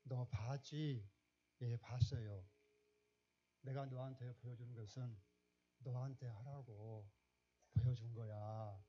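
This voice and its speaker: A male pastor voicing God in a sermon, speaking slowly, firmly and commandingly, a little lower and louder than his own voice. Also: steady tone. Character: God, a firm, commanding fatherly divine voice. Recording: dull, muffled recording.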